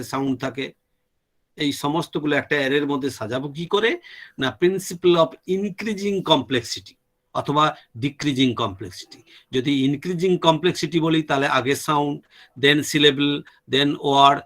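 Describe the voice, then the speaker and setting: A man delivers a classroom lecture at a medium pitch. He spells out terms word by word, as if for note-taking, and switches into English for the technical phrases. Now and then he stops to ask whether everything is clear. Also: a bit bright. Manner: dictates terms slowly, mixes English terms into Bengali, checks with "clear?".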